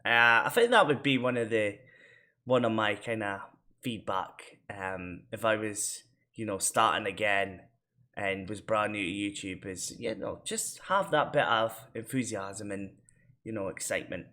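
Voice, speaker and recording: A man's voice: lowish voice, a little slow, sharp tone. A Scottish man vlogging in a casual, rambling way, with lots of fillers and restarts. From Scotland. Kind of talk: casual reflective chat.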